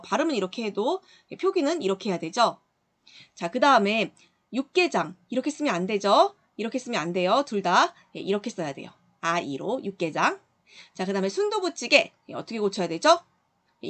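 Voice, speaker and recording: Female teacher, online lesson, patient and explanatory, mid-pitched, keeps checking that students follow. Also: big pitch swings, brisk. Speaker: middle school Korean teacher. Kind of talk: recorded online lesson, working through exercises.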